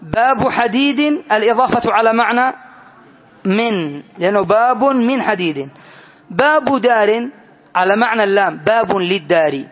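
A man with a high voice teaches a grammar lesson, explaining slowly and deliberately and frequently putting questions to the class. The audio sounds dull.

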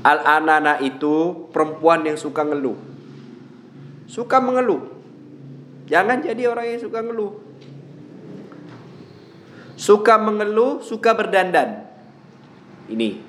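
A man giving a lively religious lecture, telling everyday stories and acting out quoted voices. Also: high-pitched, a little slow, pauses often, slight background noise. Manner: animated storytelling, acts out quoted voices. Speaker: preacher. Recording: echoey hall with faint ambience.

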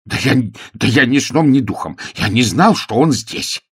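A man's voice: mid-range voice, animated, normal speed, breathy edge, pitched above the performer's own voice. A man voicing a flustered young suitor who talks timidly and stammers.

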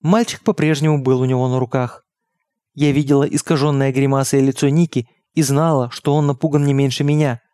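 A man's voice: mid-range voice, fairly even intonation, brisk, mellow, clear, resonant tone, no room sound, studio quality. Man narrating an audiobook. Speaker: audiobook reader. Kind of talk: scripted narration.

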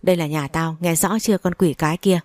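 A woman voicing a harsh, foul-mouthed older mother-in-law who hurls insults, in a low voice. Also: fairly even intonation, a little fast, dry recording, clean studio sound, natural voice. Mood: furious. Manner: shouting insults.

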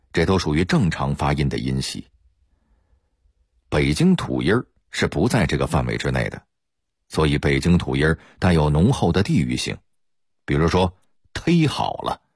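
A man's voice: rumbling low, darkish tone, husky, dry recording, studio quality. A man giving an explanatory radio talk as presenter, lecturing and demonstrating dialect pronunciations.

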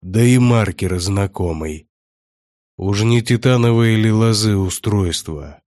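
A man's voice: darkish tone, no room sound, clean studio sound. A man doing a stern grey-haired warrior-prior. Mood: stern commanding. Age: older. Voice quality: deep bass. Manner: gruff, barking orders, slow and weighty. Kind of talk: audiobook character voice.

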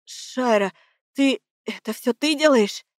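A woman's voice: a little high, slow pace, no echo, clean studio sound. A woman voicing a wounded, frightened young man who protests anxiously. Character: wounded, frightened young male portal mage.

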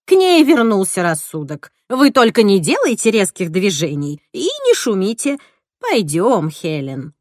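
Woman voicing a frantic sister, high and shrill, loud pleading, storybook character. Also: wildly swooping pitch, measured pace, no room sound, studio quality. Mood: coaxing. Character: frantic woman soothing her monstrous sister. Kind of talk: audiobook character voice.

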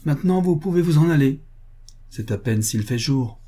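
A man reading as a hoarse, gruff workman. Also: a little high, expressive, moderate pace, dark tone, voice pushed up. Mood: curt. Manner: curt, dismissive. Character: sturdy, gruff young male workman.

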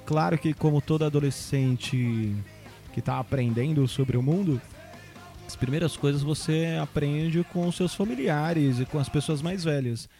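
A man hosts a relaxed podcast chat. His voice sits a little high, and he tells stories about his youth in a joking but thoughtful way. Soft music plays faintly behind him. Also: measured pace. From São Paulo, Brazil. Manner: storytelling, joking, reflective. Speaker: podcast host. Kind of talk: casual chat.

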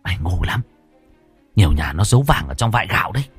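A man's voice: low voice, sing-song, fast talker, breathy edge, soft background music, full character voice. A man voicing a harsh, bossy burglar woman who snaps and scolds through gritted teeth. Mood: scornful. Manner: snapping, grinding scold.

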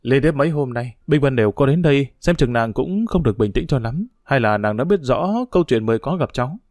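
A man's voice: medium pitch, expressive, fairly quick, a little mellow, no room sound, clean studio sound, close to an everyday voice. A man voicing a worried, proper older aunt in a storybook reading. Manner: anxious, fretful questioning.

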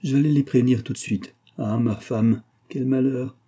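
A man's voice: mid-range voice, steady tone, normal speed, warm tone, breathy edge, pitched above the performer's own voice, lightly acted. A man voicing a timid, heartbroken older father in a read-aloud novel, speaking plaintively. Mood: lamenting.

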